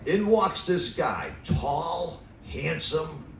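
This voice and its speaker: Stand-up comic, middle-aged man, high bouncy voice, deadpan one-liners, roomy club sound from back of the room. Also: drawn-out words, far from the mic, a little hiss or hum. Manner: deadpan one-liners, laughs at own jokes. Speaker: stand-up comedian. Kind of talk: stand-up comedy set. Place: comedy club stage with live audience. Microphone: stand mic away from mouth.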